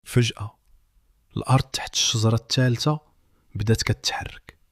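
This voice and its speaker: A man's voice: medium pitch, steady tone, fairly quick, dry recording, studio quality. A man narrating a dramatic story. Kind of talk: scripted narration.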